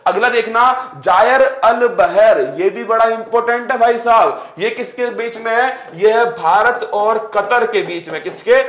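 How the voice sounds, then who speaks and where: Guy teacher, high voice, keeps asking the class questions and teasing them, lots of room echo. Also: a little slow, few pauses, a bit bright. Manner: rhetorical questions, playful teasing nicknames for students. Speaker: exam coaching teacher. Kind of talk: energetic exam-prep lecture. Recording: echoey room.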